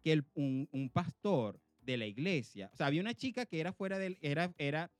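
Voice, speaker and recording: A man with a Venezuelan Spanish accent from Zulia, co-hosting a podcast and telling a story in casual chat, animated and laughing often. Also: a little high, fairly quick, no echo. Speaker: podcast co-host.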